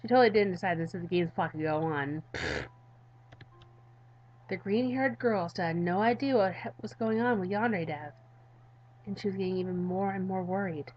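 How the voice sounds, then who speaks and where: A female gaming YouTuber with a medium-pitched voice reads visual novel narration aloud and chats casually with viewers. She speaks at a moderate pace with long pauses, and the sound is a little dull and lo-fi.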